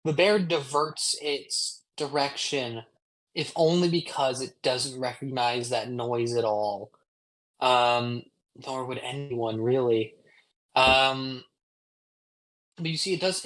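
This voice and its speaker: A man acting as game master, describing scenes at an unhurried pace with pauses and ums on a live stream. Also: medium pitch, fairly bright tone, poor audio.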